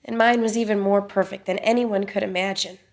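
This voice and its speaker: An actress playing a wistful woman fixated on her perfect wedding, soft-spoken and dreamy. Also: mid-range voice, steady tone, a little fast, natural voice.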